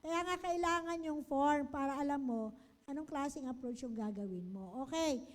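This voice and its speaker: A woman with a Filipino accent, lecturing a seminar on business approaches, lively and always checking in with the audience. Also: high voice, normal speed. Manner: lively, keeps asking the audience "di ba?" and "okay?". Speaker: business trainer. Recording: long hall reverb.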